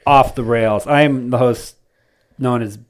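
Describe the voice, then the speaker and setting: A middle-aged man hosting a casual podcast, joking and teasing in a relaxed, rambling way. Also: mid-range voice, measured pace. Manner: playful, joking, self-teasing. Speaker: podcast host.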